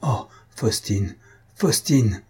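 An agitated, jealous young baron read by a man bursts out in exclamations. The voice is husky and mellow, pushed a little higher than the reader's own. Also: expressive, very slow, heavily acted. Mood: distraught.

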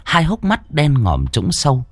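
A man narrating a horror story with a dramatic, expressive reading. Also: mid-range voice, unhurried, no room sound, faint music behind.

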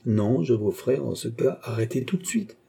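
A cool, mocking masked nobleman who wins every exchange with polite barbs, as a man reads him aloud. The voice is very dark and a little husky. He stays calm and amused, never raising his guard. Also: mid-range voice, moderate pace. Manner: smooth, ironic, polite needling. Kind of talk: audiobook character reading.

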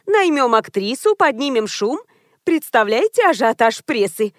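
A bossy, scheming publicist who pushes her plan with brisk confidence, as a woman narrator puts her on. The voice sits fairly high, and the audiobook recording is dry and close. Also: big pitch swings, no echo.

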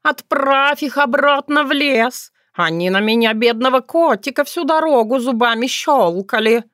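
A woman's voice: sits high, a little slow, a bit bright, no room sound, studio quality, voice pushed up. A woman voicing a fussy, dramatic male talking cat who wails, scolds and pities himself in an audiobook. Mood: whining. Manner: wailing, scolding, self-pitying. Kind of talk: audiobook character voice.

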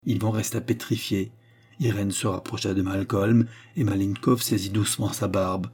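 A man reading a novel aloud as steady scripted narration. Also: fairly low pitch, normal speed, breathy edge. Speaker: audiobook reader.

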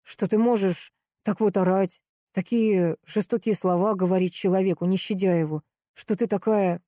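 Slow dazed tipsy brother, grumbly, mellow soft tone, as a woman reads him. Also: medium pitch, fairly even intonation, no room sound, studio quality, lightly acted. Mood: shocked.

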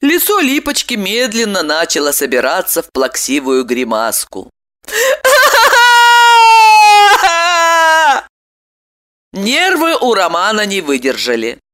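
A woman reading an audiobook aloud with expressive storytelling. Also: fairly low pitch, moderate pace, few pauses. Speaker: narrator. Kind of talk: audiobook narration.

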